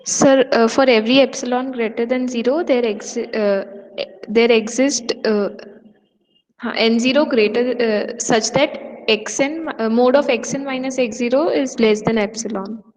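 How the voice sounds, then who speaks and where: A woman's voice: on the high side, steady tone, moderate pace, a little mellow. A woman student answering her teacher's question in class, hesitant and full of fillers. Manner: hesitant, many fillers and restarts. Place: lecture hall. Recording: distant voice in a reverberant hall.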